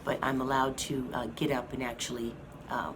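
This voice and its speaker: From a hospital rehab room, a hoarse woman vlogger gives her viewers a health update. Her very deep voice is flat, and her speech is slow and halting with many fillers, over the hum of an air conditioning fan in a noisy room.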